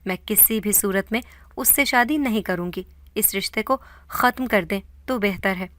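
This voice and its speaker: A woman's voice: mid-range voice, fairly bright tone, no echo, close to an everyday voice. A woman voicing a defiant, emotional young woman who argues tearfully.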